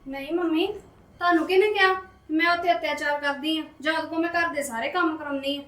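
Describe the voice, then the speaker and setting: A woman's voice: high-pitched, brisk, a bit bright, roomy sound. A woman playing a young wife who bullies her mute sister-in-law, then begs forgiveness. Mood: defensive. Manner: defensive and bossy, then pleading. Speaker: daughter-in-law. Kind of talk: amateur family drama acting.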